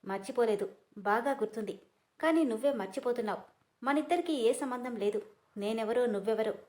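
A woman's voice: a little high, brisk, a little mellow, natural voice. A woman reading a story aloud, voicing a proud, hurt young woman who answers back defiantly and through tears. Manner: defiant, tearful.

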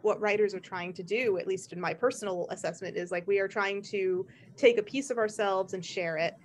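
A woman's voice: medium pitch, fairly even intonation, brisk, slight background noise. A woman hosting a podcast, chatting casually, rambling with frequent laughs and restarts. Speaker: podcast host. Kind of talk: casual chat.

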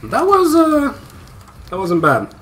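A man's voice: very high voice, huge pitch swings, takes it slowly, fairly bright tone. A man co-hosting a let's play, joking casually while reading the credits aloud. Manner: joking, reads credit names aloud with asides and laughs. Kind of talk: casual gaming commentary.

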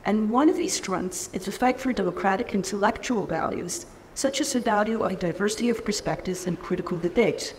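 Woman from israel giving a keynote at a podium, measured and earnest, echoey hall. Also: medium pitch, a little hiss or hum. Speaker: keynote speaker. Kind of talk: conference keynote lecture. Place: large conference hall stage. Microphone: lectern microphone. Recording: reverberant hall, faint ambience.

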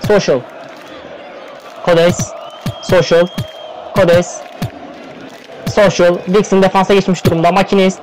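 A man calling an online football game play by play, firing off player names and bursting out in excitement at the goals. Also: sits high, unhurried, pauses often, a faint crowd, a little hiss or hum, low-quality recording. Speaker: play-by-play commentator. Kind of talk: live esports play-by-play commentary.

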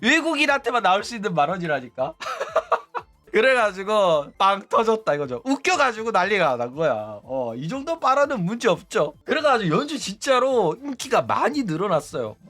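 Brief: chatty male commentator, high voice, very animated, laughs a lot. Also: moderate pace, soft background music. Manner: chatty, laughs often, retells quotes animatedly. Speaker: VTuber news channel host. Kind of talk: casual storytelling commentary.

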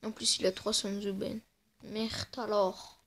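A woman's voice: mid-range voice, flat delivery, measured pace, vocal fry, fairly bright tone. A woman giving casual let's-play commentary, playful and trash-talking the game, often muttering under her breath. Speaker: gamer.

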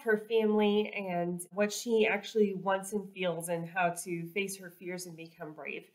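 A woman in her thirties, a librarian recommending books in a casual, upbeat and informal talk to camera. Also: mid-range voice. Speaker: librarian presenting a book recommendation. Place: small indoor room by a window.

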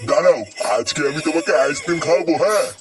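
A man's voice: on the high side, racing, distant mic, music in the background, natural voice. A man doing a doting old cartoon grandfather. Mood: coaxing. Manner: soothing and coaxing.

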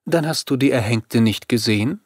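A man voicing a scornful female vampire queen who speaks calmly and mockingly in an audiobook. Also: medium pitch, normal speed, dry recording, studio quality, natural voice.

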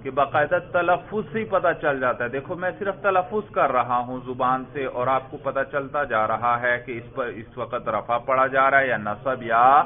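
A man from Pakistan teaching a classroom grammar lesson, quizzing students, repeating their answers and drawing out word forms in a sing-song way. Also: mid-range voice. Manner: drawn-out chanting of word forms. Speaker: religious school teacher. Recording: tinny phone-like lo-fi recording.

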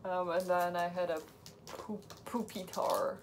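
A woman's voice: on the low side, flat delivery, a little slow. A woman co-hosting a casual card-unboxing chat at home, hesitant and stumbling over names. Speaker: co-host, host's wife. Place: home, on a couch. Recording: noisy home recording.

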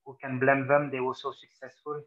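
A man's voice: mid-range voice, normal speed, muffled recording. A man from Senegal, a former footballer, talking casually in an interview and leaning on "literally" and "you know". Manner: animated when quoting, repeats "literally" and "you know".

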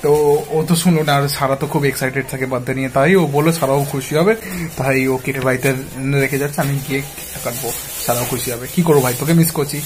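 A man's voice: mid-range voice, steady tone, fast, background noise. A man, vlogging casually at a family home and addressing his viewers as guys, with English words mixed into his talk. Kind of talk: casual vlog narration to viewers. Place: family home and shop, indoors.

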